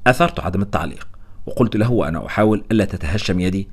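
Fast, lively male audiobook narrator. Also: sits low, husky.

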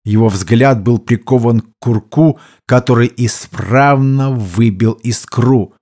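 Brief: male audiobook narrator, mellow warm tone, measured delivery. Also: mid-range voice. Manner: steady, measured storytelling. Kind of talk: scripted narration.

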